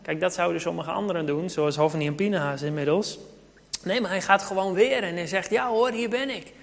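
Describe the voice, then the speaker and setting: A preacher delivering a sermon in a storytelling way, speaking to the children as well as the grown-ups. The voice is mid-pitched. It rings with the long reverb of a church hall. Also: brisk, creaky. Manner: storytelling, addresses children in the congregation.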